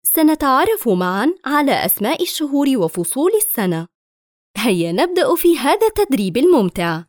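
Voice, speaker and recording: A woman's voice: high voice, sing-song, brisk, dry recording, studio quality. A woman teacher narrating a scripted lesson, carefully enunciating English words for learners to repeat. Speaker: language teacher.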